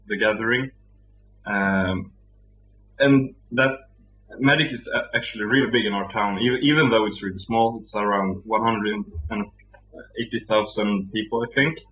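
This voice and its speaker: Soft-spoken young Swedish man, muffled sound. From Sweden. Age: young adult. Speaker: guest. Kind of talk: casual interview. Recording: muffled low-fidelity audio.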